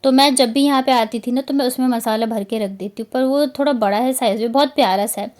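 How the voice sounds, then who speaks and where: A woman's voice: a little high, fast, a little mellow. A woman in her thirties from Bihar, narrating her home vlog in a chatty, rambling way with many fillers. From Bihar, India. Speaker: vlogger. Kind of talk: casual vlog voice-over narration.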